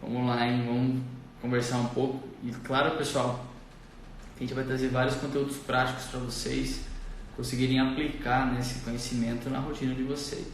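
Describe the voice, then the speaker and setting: A man's voice: mid-range voice, little pitch movement, moderate pace, a little hiss or hum. A man hosting a live stream, chatting casually and greeting viewers by name in an upbeat way. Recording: echoey room, far from the mic.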